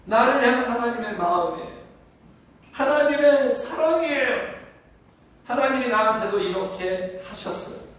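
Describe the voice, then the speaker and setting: A pastor with a very high voice delivers his sermon, and it rings through a very echoey church hall. He leads the congregation in reading aloud together and keeps asking them questions. The sound is picked up from some distance, with a faint room ambience behind him. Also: expressive, moderate pace, a bit bright. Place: church sanctuary.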